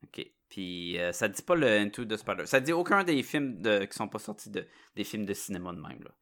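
A man's voice: lowish voice, big pitch swings, fairly quick, fairly bright tone. A man with a Quebec French accent hosting a casual chat in a colloquial, rambling way.

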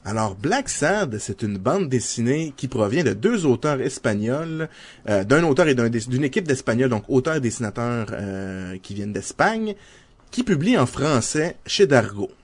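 A man with a Québécois French accent co-hosts a relaxed podcast chat. He lays out his points with plenty of hesitations and restarts. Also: mid-range voice, normal speed, husky. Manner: relaxed, presents facts with many hesitations. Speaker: podcast co-host. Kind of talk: casual chat.

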